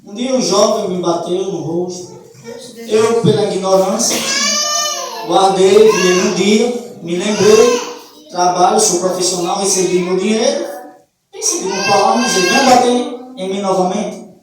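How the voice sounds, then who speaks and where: A man's voice: high-pitched, a little slow, recorded from a distance. A Brazilian man gives a fervent church testimony, often turning to his listeners as brothers. His voice rings through a very reverberant hall, caught from well back from the mic, with a faint hiss of noise underneath. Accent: Brazilian Portuguese. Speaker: church member giving testimony.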